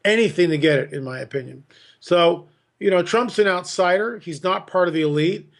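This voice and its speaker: A man's voice: high voice, normal speed. A man on a podcast as a guest, giving emphatic, opinionated talk, often repeating words and mockingly mimicking others.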